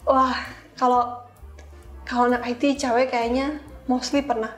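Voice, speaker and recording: Faint music sits behind a young woman's slightly high voice, which moves little in pitch and keeps a measured pace. As an interview guest and iOS developer, she tells stories casually, slangy and sprinkled with English. The recording is roomy with echo.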